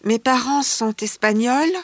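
A cheerful bilingual schoolgirl for a language course. Her voice sits slightly high and moves at a slow, deliberate pace. The recording is close and dry. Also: no room sound. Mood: upbeat. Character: cheerful teenage girl of Spanish parents, living in France.

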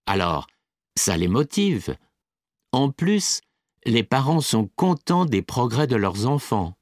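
Keen young skater played by a man, slow, animated, dry close sound. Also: mid-range voice, no room sound. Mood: earnest. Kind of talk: scripted exam listening dialogue.

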